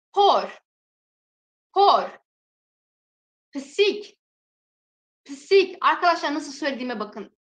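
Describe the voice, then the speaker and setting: A woman teaching a language lesson, slowly sounding out each example word twice and then explaining its meaning. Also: high-pitched. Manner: slow, drawn-out pronunciation drills. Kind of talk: alphabet lesson with repeated example words. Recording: echoey room.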